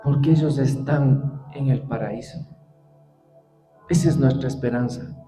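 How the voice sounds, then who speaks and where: A man's voice: medium pitch, measured pace, warm tone, reverberant, soft background music. An older man preaching a sermon, reading scripture aloud and reflecting personally, often adding a questioning "right?". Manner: reads scripture then reflects personally, with frequent rhetorical "¿no?".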